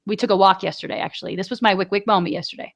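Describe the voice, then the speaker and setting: Woman, 40s, podcast co-host, rambling anecdotal chat, mid-pitched. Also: steady tone, racing, gravelly. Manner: chatty storyteller, many fillers and laughs. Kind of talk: casual chat.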